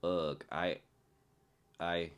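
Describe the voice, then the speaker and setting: A man on a casual reaction stream, reading a web novel and talking back to his chat, excitable and swearing often. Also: low-pitched, extremely slow, clean tone.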